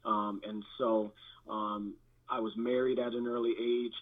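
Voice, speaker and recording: A guest pastor, male, offers an honest testimony from his own life, pausing and circling back over repeated words as he reflects. His pitch is on the low side and his delivery flat, and the sound is thin and band-limited, like a phone line.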